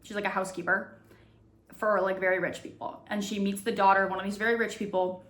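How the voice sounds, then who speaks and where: A woman's voice: medium pitch, level tone, fast talker, fairly bright tone. A woman giving a casual, chatty book review in a conversational, informal way with slang and emphatic rephrasing. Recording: roomy echo, clear background noise.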